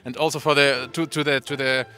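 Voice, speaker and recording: A man answering a street interview, halting and repeating words as he searches for them. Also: medium pitch, flat delivery, pushed and bright, soft background music.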